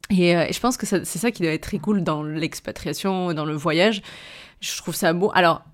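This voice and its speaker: A woman's voice: lowish voice, normal speed. A young woman from southern France talking about her travels in a personal diary-style podcast, teary and emotional, hesitant, with many fillers and restarts. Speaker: podcast host.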